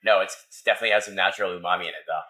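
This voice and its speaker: A man with a notably deep, low voice talks casually as a chef in his restaurant kitchen. He teases with dry, understated humor and explains food calmly. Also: very fast, rough recording. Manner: relaxed, dry teasing humor. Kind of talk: casual chat.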